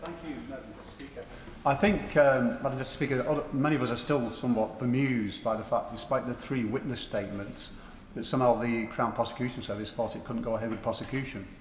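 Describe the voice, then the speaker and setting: A man speaking as a member of parliament, putting a courteous, discursive question in a halting, semi-formal way. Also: mid-range voice, fairly even intonation. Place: large indoor parliamentary chamber. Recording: echoey hall with faint chamber noise.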